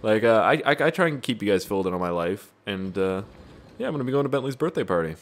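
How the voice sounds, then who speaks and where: A deep-voiced man narrates his gameplay in a loose, rambling way. He swears often and talks straight to his viewers as he plays. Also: big pitch swings, fast talker. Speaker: gaming YouTuber. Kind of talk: casual gameplay commentary.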